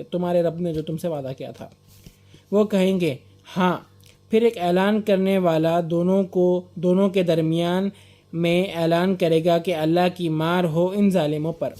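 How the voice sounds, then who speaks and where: A man reading a scripture translation aloud at a quick pace, stopping to restart and to explain verses in his own words. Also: sits high, dark tone. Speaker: Quran translation reader.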